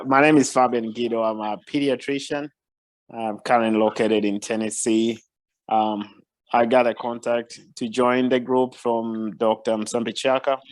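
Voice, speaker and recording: A man's voice: medium pitch, no echo, rough recording. A man who grew up in Tanzania, a pediatrician, introducing himself in a friendly way on a video call. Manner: friendly, brief agreeing replies.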